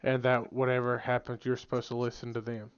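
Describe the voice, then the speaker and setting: A young man talks loosely on a podcast, rambling and restarting his sentences. His voice is smooth and of middling pitch. The recording sounds muffled and lo-fi. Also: completely flat delivery, fairly quick. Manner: rambling, restarts sentences, shouts when quoting people. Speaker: podcast co-host. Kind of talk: casual chat.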